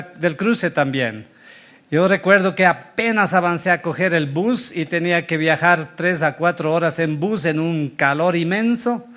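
Earnest preaching man, higher voice. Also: a bit bright. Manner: earnest storytelling preacher with frequent self-corrections. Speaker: pastor. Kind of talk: sermon.

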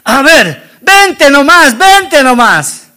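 A man voicing the apostle Peter as an eager, relieved fisherman in a boat, chattering excitedly. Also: very high-pitched, drawn-out words, pitched above the performer's own voice, heavily acted.

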